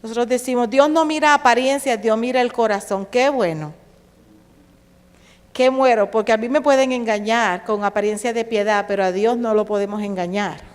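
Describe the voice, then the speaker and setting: A woman's voice: on the high side, moderate pace. A woman pastor with a Caribbean Spanish accent preaching a sermon, asking her congregation questions and slipping into sarcastic quoted voices. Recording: long hall reverb.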